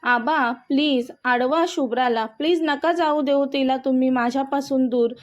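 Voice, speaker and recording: A woman's voice: high voice, steady tone, normal speed, lightly acted. Woman reading as a devoted young husband. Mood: pleading. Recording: dull, muffled audio.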